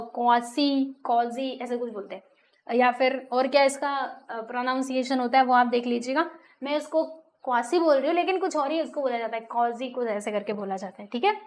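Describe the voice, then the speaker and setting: A woman teacher giving a classroom lecture. She keeps checking in with her pupils and slows down to read textbook lines aloud. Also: high-pitched. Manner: asks pupils frequent rhetorical checks. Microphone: recorded for an online lecture video.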